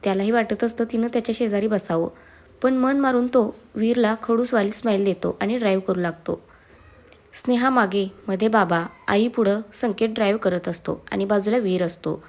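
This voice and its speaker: A woman's voice: medium pitch, normal speed, a little mellow. Woman narrating a family story. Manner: reads all characters herself.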